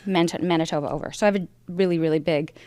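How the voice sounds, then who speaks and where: A woman's voice: sits low, steady tone, racing, dark tone, no room sound. Chatty American woman telling her story. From Idaho, USA. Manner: chatty and storytelling, with frequent fillers and restarts. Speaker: interview guest, aircraft sales director. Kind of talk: conversational interview.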